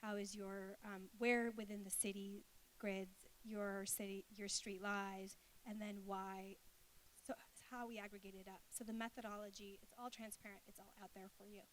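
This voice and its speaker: A woman's voice: medium pitch, level tone, normal speed, low-quality recording. Woman doing a presentation, explains stuff casually w lots of ums, bit of hiss on it. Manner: explanatory, conversational, with frequent hesitations. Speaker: conference speaker. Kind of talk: informal presentation to an audience. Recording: hissy live talk recording.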